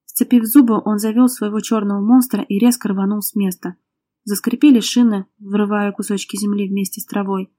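A woman's voice: mid-range voice, fairly even intonation, a little fast, dark tone. A woman reading an audiobook, narrating a tense domestic drama in a dramatic storytelling manner. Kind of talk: scripted narration.

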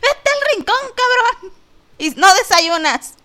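A woman voicing a furious, foul-mouthed schoolteacher who yells and curses at her pupils, with a Mexican accent. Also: lively intonation, normal speed. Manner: shrill yelling, cursing.

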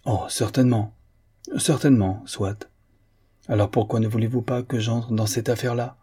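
A man's voice: medium pitch, fairly even intonation, moderate pace, warm tone, slightly rough. A man voicing an older, sick father who asks agitated, pressing questions in a storybook reading. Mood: insistent.

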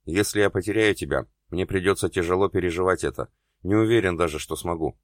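A man's voice: low voice, fast talker, dry recording, clean studio sound, lightly acted. A man voicing a tormented male surgeon torn by passion, speaking in a desperate, confessional way in an audiobook.

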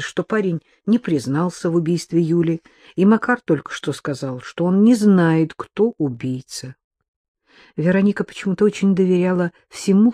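A male audiobook narrator with a mellow, dark-toned voice, pitched somewhat high for a man. He reads at an even, measured pace. The recording is dry and close. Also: no echo. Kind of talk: scripted narration.

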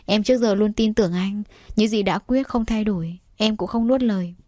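A woman voicing a calm, resolute young woman in an audiobook story, speaking directly and evenly. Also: mid-range voice, normal speed, no room sound, studio quality, lightly acted.

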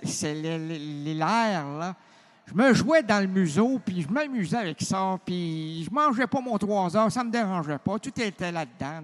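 Hosting a radio show, a middle-aged Quebecer with a Québécois French accent and a high-pitched voice riffs in playful, theatrical improvised banter that leaps from one register to another.

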